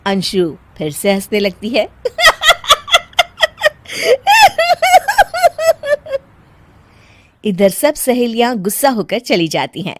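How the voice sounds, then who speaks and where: A woman narrating a cartoon story in a measured storybook manner. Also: medium pitch, animated, darkish tone, no room sound.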